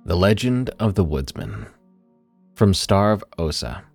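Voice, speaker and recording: A man's voice: deep voice, big pitch swings, slow pace, creaky, a little mellow, slightly rough. A man hosting and narrating scary stories in an ominous late-night radio manner, with dramatic, scripted delivery. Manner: ominous, dramatic storytelling with trailing line ends. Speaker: host and narrator of horror stories. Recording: voice over background music. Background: music bed.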